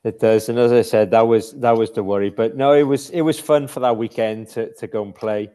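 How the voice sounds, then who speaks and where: A man chatting casually as a hockey-playing guest, haltingly, often repeating words before he finishes. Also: mid-range voice, steady tone, dark tone, clear, resonant tone. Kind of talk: casual chat.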